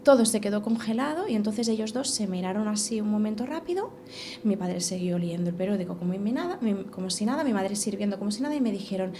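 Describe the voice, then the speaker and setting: A woman from Catalonia with a medium-pitched voice tells her story quickly as a podcast guest. Her casual, conversational storytelling is animated, with repeated and restarted phrases, against steady background noise.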